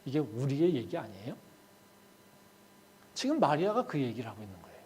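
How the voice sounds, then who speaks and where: A male pastor preaching a sermon in a church, his delivery swinging between quiet talk and loud, impassioned appeals. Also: mid-range voice, very animated, a little fast, slight background noise.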